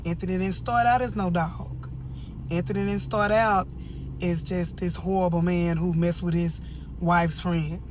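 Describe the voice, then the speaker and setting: American lady doing a chatty review, kinda low voice, emphatic n rambly, bit of noise behind her. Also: a little slow, rough recording. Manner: animated, emphatic, rambling asides. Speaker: online reviewer and host. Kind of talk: casual opinionated video commentary.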